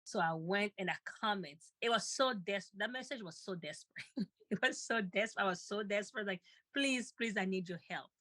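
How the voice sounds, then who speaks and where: A woman's voice: medium pitch, a little fast, a bit bright, no echo. A woman co-host telling a personal story with feeling, often repeating herself and laughing lightly.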